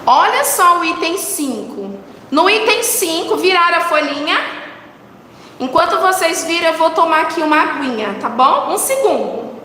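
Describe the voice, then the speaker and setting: A high, bright woman's voice with a Brazilian accent leads children through a recorded lesson. She coaxes them along, asking questions and answering them herself. The sound rings in a reverberant room with a long tail and faint background noise. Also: expressive, moderate pace. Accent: Brazilian Portuguese. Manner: warm coaxing teacher talk, asks questions and answers them. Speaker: teacher.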